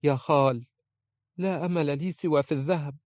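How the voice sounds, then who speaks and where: A man's voice: fairly high pitch, a little fast, darkish tone, dry recording, studio quality, pitched above the performer's own voice, close to an everyday voice. A man voicing a desperate young wife who pleads urgently for her husband's life. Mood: pleading.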